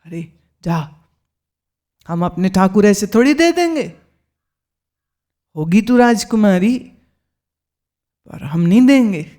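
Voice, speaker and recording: Woman doing a stubborn old holy man, brusque, dismissive, unhurried, told in a sermon. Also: mid-range voice, expressive, warm tone.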